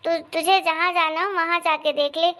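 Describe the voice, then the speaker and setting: Warm-hearted old grandmother for a cartoon story, voiced by a woman; reassuring, very high pitch. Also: steady tone, normal speed. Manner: reassuring and affectionate. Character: kind, protective old grandmother.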